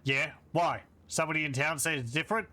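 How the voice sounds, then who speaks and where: Man playing a brusque, bright-voiced surly innkeeper. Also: fairly high pitch, fast, pitched above the performer's own voice. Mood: brusque, impatient. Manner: brusque, impatient.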